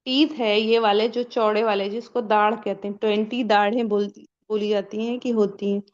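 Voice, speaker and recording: A woman's voice: medium pitch, fairly even intonation, moderate pace, muffled recording. A woman teaching a Quran pronunciation lesson step by step, asking and answering her own questions and stretching out sample sounds.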